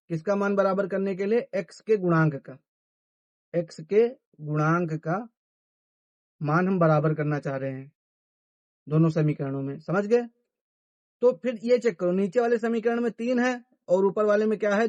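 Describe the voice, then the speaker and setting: A man's voice: sits high, a little mellow, dry recording, highs cut off. A man teaching a math lesson who asks his students questions and answers them himself. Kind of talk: classroom-style math lesson.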